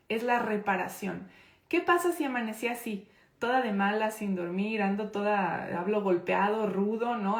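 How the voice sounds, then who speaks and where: A woman in her thirties with a Mexican accent, teaching an informal online class in a conversational way and slowing down to stress her points. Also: mid-range voice. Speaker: course instructor. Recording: roomy echo.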